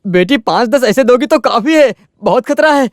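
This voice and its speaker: A man's voice: very high voice, lively intonation, moderate pace, no room sound, clean studio sound. A man dubbing a broke, evasive villager into Hindi, pleading and wheedling for money. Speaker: debtor villager dodging creditors.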